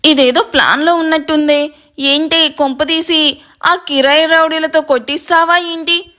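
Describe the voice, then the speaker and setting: A woman's voice: sits high, fairly even intonation, measured pace, bright, forceful tone. A woman voicing a playful, teasing young groom in a storybook reading. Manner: teasing, joking.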